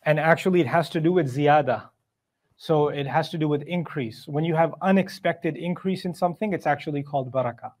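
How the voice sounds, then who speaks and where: Man teaching Quran commentary, fairly high voice. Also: brisk, darkish tone. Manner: recites Arabic verses then explains them in English; conversational, asks rhetorical questions.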